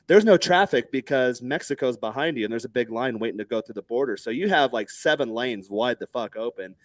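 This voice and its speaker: Fast-talking storytelling man. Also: mid-range voice, dry recording. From Texas. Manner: animated, acts out other people's lines in raised voices, swears freely. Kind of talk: casual storytelling chat.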